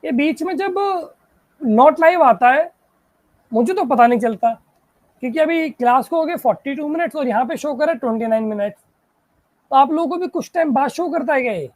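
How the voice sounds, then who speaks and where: A woman teaching a live online reasoning class. She keeps checking whether students follow and praises them, and she reads English questions out slowly before explaining them in Hindi. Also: sits high, expressive, darkish tone, no room sound. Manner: checks in constantly, praising and asking if it is clear.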